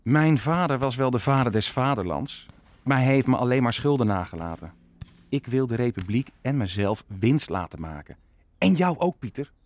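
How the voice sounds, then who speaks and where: An actor playing an ambitious, calculating prince in a historical radio play, persuasive and commanding. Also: male voice, medium pitch, animated, moderate pace, no echo, natural voice. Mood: confiding. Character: scheming Dutch prince, ambitious and calculating statesman. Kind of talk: audio drama acting.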